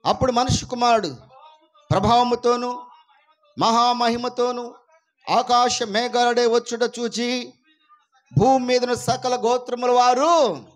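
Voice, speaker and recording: A high-pitched male pastor delivers an emphatic sermon at a church prayer meeting. He swings from ringing cries to low, intense asides. His voice comes through a microphone and sound system. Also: fairly even intonation, unhurried, long pauses.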